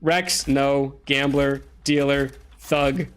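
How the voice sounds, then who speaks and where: A man's voice: mid-range voice, flat delivery, drawn-out words, smooth. A man giving casual, joking let's-play commentary while chatting with a friend. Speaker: gaming streamer.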